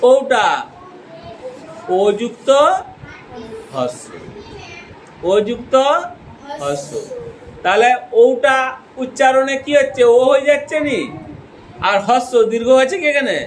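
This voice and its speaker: A man with a very high voice teaches a grammar lesson at an unhurried, measured pace. He explains each point step by step and checks often that his listeners follow. A faint hiss runs under the recording. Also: low-quality recording.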